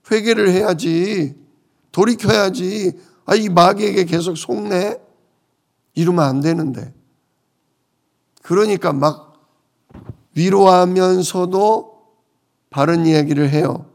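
A male pastor delivers a sermon, explaining scripture and asking his listeners questions. His voice is fairly high and has a gravelly texture. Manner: explanatory, asks the congregation questions.

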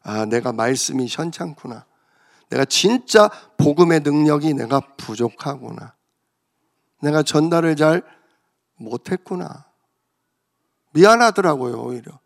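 A man's voice: a little high, animated, measured pace, vocal fry, pauses often. A man pastor preaching an emotional, confessional sermon that builds in intensity.

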